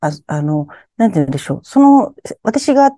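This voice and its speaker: A woman with a mellow, fairly low voice recounts eerie personal experiences in conversation. Her pitch moves freely as she acts out her own puzzled reactions. The sound is close and dry. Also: fairly quick, no room sound. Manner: animated retelling, acting out her own startled reactions.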